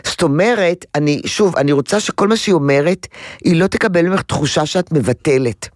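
A man advising a caller on a radio program, animated, acting out quotes and repeating words for emphasis. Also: a little high, dry recording, clean studio sound. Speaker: parenting advisor on a radio call-in. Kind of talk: advice to a caller.

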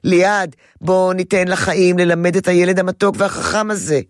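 A woman's voice: lowish voice, fairly even intonation, dry recording, studio quality. A woman giving parenting advice to a caller in an emphatic, repetitive way. She often acts out a child's voice. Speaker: parenting advisor.

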